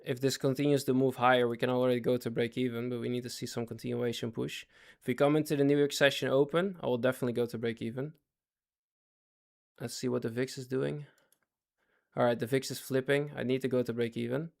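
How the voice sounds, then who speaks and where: A gravelly man's voice, medium-pitched with little pitch movement, moves at a quick pace. He's a day trading livestreamer giving casual commentary on his trades as his voice goes, speaking in fits and starts, repeating himself and asking chat to follow.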